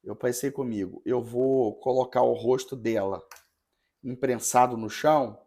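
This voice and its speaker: During a podcast chat, a man who serves as a parish priest shares a story with a sincere, hesitant delivery full of restarts. He has a warm, medium-pitched voice with fairly even intonation.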